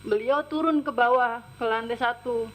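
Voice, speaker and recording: A woman's voice: fairly high pitch, moderate pace, rough recording. A tearful woman, a domestic worker, giving testimony and recounting events step by step, often quoting what others said.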